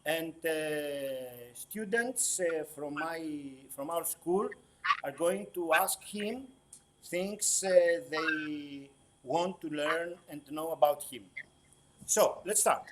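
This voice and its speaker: A Greek-accented man introduces an interview in a fairly high voice. He talks slowly and hesitantly, with faint noise behind him. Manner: hesitant, halting. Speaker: teacher hosting an interview.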